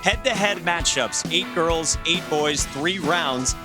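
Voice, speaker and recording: Male play-by-play announcer, upbeat broadcast delivery, slightly high voice, music bed behind. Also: slow pace. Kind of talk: sports broadcast commentary.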